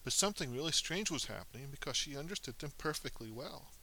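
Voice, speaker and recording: Animated male storyteller reading aloud. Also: fairly high pitch, quick pace, low-quality recording. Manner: animated, expressive reading with small slips. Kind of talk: storybook narration.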